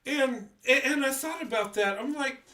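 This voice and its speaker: This livestream host has an extremely high-pitched voice, moving at a moderate pace with a pushed, bright quality. He's congested with a stuffy nose, and his casual talk rambles and hesitates, full of fillers and restarts.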